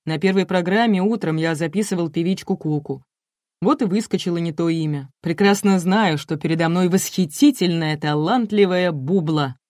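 A woman voicing a smarmy, gushing male TV host in an audiobook, with a syrupy flattering manner. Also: lowish voice, moderate pace, no room sound, clean studio sound, lightly acted. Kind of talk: audiobook reading.

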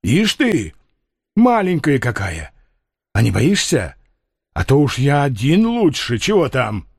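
A man voicing a frantic, doomed male robber in an audiobook, wailing and pleading in a rough voice. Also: medium pitch, huge pitch swings, slow pace, no echo, clean studio sound, full character voice. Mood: wild.

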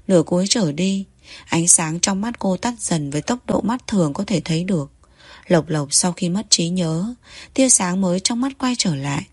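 A woman narrating a novel in a steady, measured reading voice. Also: lowish voice, breathy edge, no room sound. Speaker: audiobook narrator.

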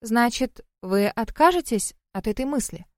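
Женщина читает реплики робкой вежливой молодой помощницы. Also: female voice, on the high side, lively intonation, normal speed, dry recording, clean studio sound, pitched above the performer's own voice, lightly acted. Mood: polite. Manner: polite, timid. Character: shy, polite young female assistant. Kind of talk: audiobook reading.

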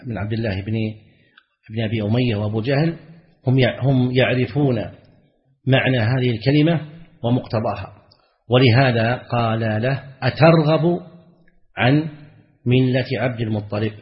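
A man, a sheikh, teaching a religious text in a classroom lesson, repeating words slowly and asking the class questions. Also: medium pitch, steady tone. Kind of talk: classroom lesson explaining grammar. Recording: lo-fi, echoey hall.

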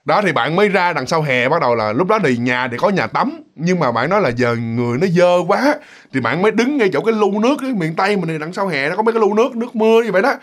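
A man's voice: high voice, animated, quick pace. A man with a Mekong Delta accent telling a ghost story in a chatty, loose, repetitive way, speaking directly to his listeners. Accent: Southern Vietnamese, Mekong Delta. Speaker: storyteller, channel host. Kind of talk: casual ghost story narration.

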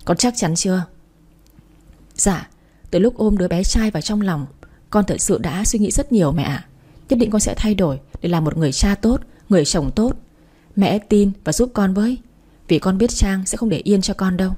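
A woman reading the part of an anxious, weak-willed young husband who pleads with his mother in a flustered way, in a mellow voice. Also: medium pitch, normal speed, slightly rough, close to an everyday voice.

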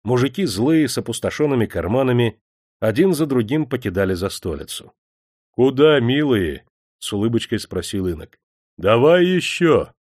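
A man reading a novel aloud as narrator, in a measured storytelling voice. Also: lowish voice, a little mellow, no echo, studio quality. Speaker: audiobook narrator. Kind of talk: scripted narration.

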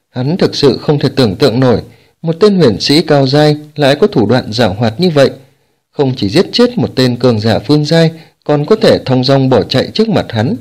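A man reading a fantasy novel aloud as an audiobook narrator, steady storytelling that rises briefly for shouted lines. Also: mid-range voice.

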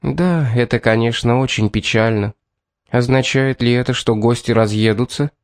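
A man voicing a pedantic, mournful woman housekeeper who speaks slowly and precisely. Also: mid-range voice, no echo, studio quality, close to an everyday voice.

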